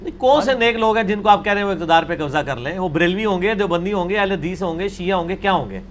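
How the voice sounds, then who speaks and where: High-voiced emphatic scholar. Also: male voice, a little hiss or hum. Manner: emphatic, argumentative, quotes others in put-on voices. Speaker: religious scholar answering questions. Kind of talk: seated Q&A discussion.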